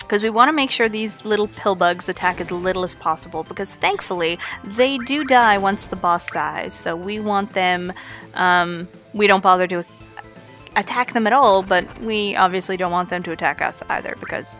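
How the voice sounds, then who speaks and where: A medium-pitched, slightly bright female voice belongs to a Canadian woman with a trace of Newfoundland lilt. She delivers playful, chatty live commentary on her speedrun and jokes around with chat.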